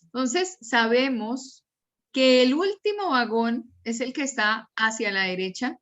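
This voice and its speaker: A woman teacher lectures in an unhurried, careful way, going over her examples one by one. Her voice sits a little high. The sound is dull and lo-fi, like an online class. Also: lively intonation, fairly bright tone. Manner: patient, repeats and spells out examples. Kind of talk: slow, explanatory class lecture.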